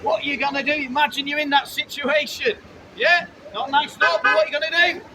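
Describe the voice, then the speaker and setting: In a very high-pitched voice with fairly even intonation, a British street preacher speaks briskly to people passing on a busy urban street. He urges them fervently, repeating phrases and posing riddles and rhetorical questions. Crowd and traffic noise fill the recording.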